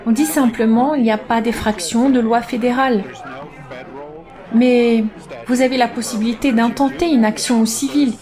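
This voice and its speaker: A candid intelligence contractor voiced by a woman in a conversational dub. The voice sits fairly high. The delivery is offhand and matter-of-fact, like someone explaining office routine. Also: fairly even intonation, normal speed, dark tone, lightly acted. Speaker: voice-over dub of an interviewee.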